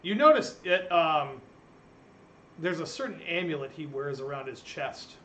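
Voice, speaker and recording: A man's voice: on the high side, lively intonation, unhurried, a bit bright. A man running a tabletop game, improvising narration as game master. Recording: echoey room, faint noise.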